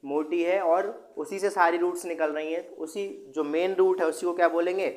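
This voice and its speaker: एक अध्यापक, ऊँची आवाज़, सवाल पूछकर खुद जवाब देता. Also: male voice, high-pitched, fairly even intonation, normal speed. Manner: asks the class questions and answers them himself; mixes English terms into explanations. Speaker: teacher. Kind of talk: online class lesson.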